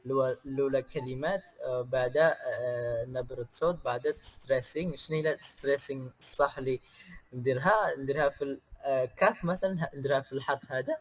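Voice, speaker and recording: A man from Indonesia, a native Indonesian speaker, chatting as an interview guest in a hesitant way with many pauses and filler sounds. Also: medium pitch. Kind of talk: casual interview chat.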